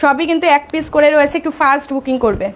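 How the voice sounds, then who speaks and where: On a live stream, a woman pitches sarees in a high, steady voice, keeping it soft because her throat is sore. She presses viewers to book quickly.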